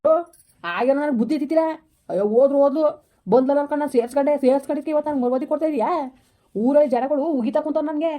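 A woman's voice: high voice, close to an everyday voice. Woman playing a furious old village husband. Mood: angry scolding. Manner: harsh shouting threats, rapid scolding. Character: angry old village man, scolding husband. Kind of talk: village comedy skit.

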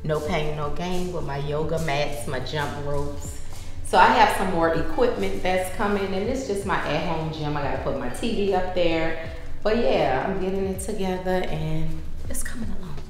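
A woman's voice: on the low side, moderate pace. A woman, chatting loosely with lots of fillers while walking through her house. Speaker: home vlogger. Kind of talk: casual home tour. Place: large house hallways, indoors. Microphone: handheld camera following her. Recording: echoey hallways, faint music.

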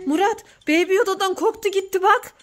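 A woman in her thirties, a mother hosting a playful family vlog, talking in an excitable, mock-frightened, teasing way. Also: very high-pitched, brisk.

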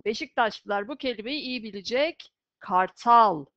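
A woman teaching an English vocabulary lesson, slowly and clearly pronouncing each word twice for students to repeat. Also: fairly high pitch, animated, no room sound, highs cut off.

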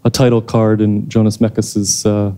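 A thoughtful man in his thirties answers audience questions after a film screening, often restarting his sentences. His voice is very dark and low, with an even, unvaried pitch, heard through a handheld mic on a theater stage. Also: moderate pace, clear, resonant tone. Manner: thoughtful, hesitant, many restarts. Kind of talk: post-screening Q&A.

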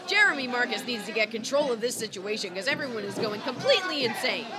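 A woman's voice: on the high side, lively intonation, fast talker. A woman giving reactive color commentary on a wrestling match. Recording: noisy hall recording with loud crowd. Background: loud wrestling crowd.

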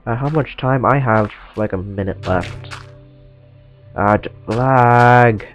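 A teenage boy with a mid-range, slow voice sounds stuffed up from a cold as he rambles through let's-play commentary on his gameplay. He keeps apologizing and making fun of himself. The lo-fi recording carries faint game music underneath.

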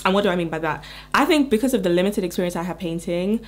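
A woman's voice: lowish voice, expressive, quick pace. Chatty young woman, playful laughs. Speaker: art YouTuber. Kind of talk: casual vlog talk to camera.

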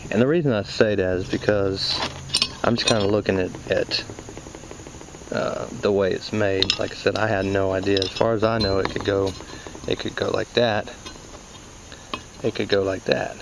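The recording is outdoors and noisy with insects, shot on a handheld camera by a technician demonstrating HVAC parts near a yard's scrap pile. He talks casually and folksily, thinking aloud, in a lowish, steady, creaky voice at a moderate pace with many pauses.

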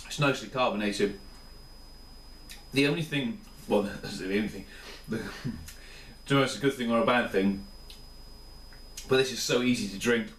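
Pausing often at a moderate pace, the beer reviewer—a tired man in his thirties—speaks in a medium, slightly bright voice while rambling with casual enthusiasm. The roomy, off-mic sound comes from a camera mic a few steps away in his small home kitchen, with a little hiss or hum.

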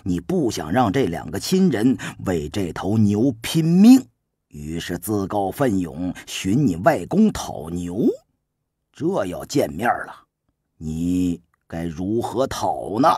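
A man voicing a shrewd, calm male strategist who talks low and softly coaxes. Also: slow, breathy edge, no echo, studio quality, full character voice. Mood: coaxing. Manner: low, soft, patiently coaxing.

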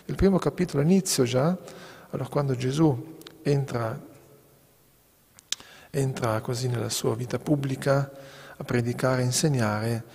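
A man, a priest, giving a homily at Mass in a measured preaching manner, often repeating words as he goes. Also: mid-range voice, creaky, a little mellow, husky. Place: sanctuary church. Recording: echoey church with long reverb.

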